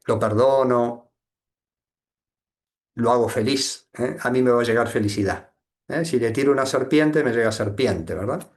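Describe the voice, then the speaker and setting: A man from Argentina with an Argentine accent, giving a reflective satsang talk with a reading, often pausing and adding tag questions. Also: medium pitch. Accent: Argentine Spanish. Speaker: spiritual teacher.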